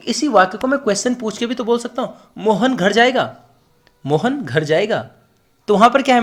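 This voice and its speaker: In an online exam-prep lesson, a young man with an Uttarakhand Hindi accent explains topics in a high voice with a touch of brightness. He talks directly to the students and uses repetition for emphasis.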